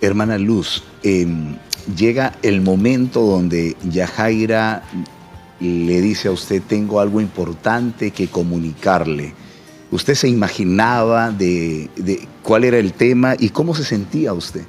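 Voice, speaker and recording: A man, a pastor co-hosting a church talk show, asking questions deliberately. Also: on the low side, darkish tone, soft background music. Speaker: pastor co-host. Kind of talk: slow interview questions.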